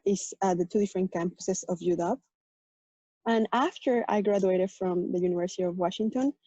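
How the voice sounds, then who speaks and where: On a tech panel, a program manager from Mexico introduces herself and her tech work earnestly, with "um" pauses as she explains. She is a native Spanish speaker with a Mexican Spanish accent and a dark, medium-pitched voice. The recording is dry, with the highs cut off.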